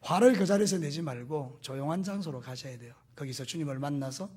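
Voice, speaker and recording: A male pastor preaching a sermon, animated and putting questions to the congregation, with folksy, humorous stories. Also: on the high side, fast, slightly rough.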